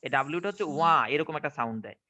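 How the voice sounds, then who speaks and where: Rapid-fire and expressive, this man's voice sits on the high side with a bright, forceful tone, though the audio is dull. He teaches English pronunciation to an online class in a Bangladeshi Bengali accent, often asking questions to make sure they understand.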